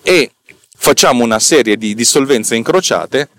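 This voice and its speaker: A man explains technical subjects in a casual podcast monologue, his medium-pitched voice animated and fairly bright at a moderate pace, though he's a bit tired. He drifts into digressions, repeats and corrects himself with a slight stammer, and asks listeners rhetorical questions.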